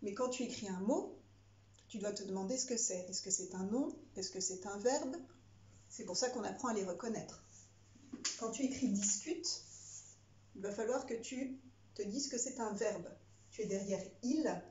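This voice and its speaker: A woman teacher dictating to a child word by word, spelling out words, pausing and explaining as she goes. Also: mid-range voice, a little mellow, a little hiss or hum. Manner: instructive, addressing one pupil directly. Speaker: primary school teacher. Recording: echoey room, slightly muffled sound.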